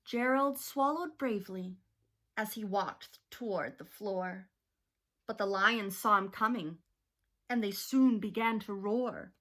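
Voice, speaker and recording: Slow, expressive woman reading to children. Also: medium pitch. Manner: slow, expressive, rhythmic rhyming delivery. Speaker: teacher. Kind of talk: picture book read-aloud.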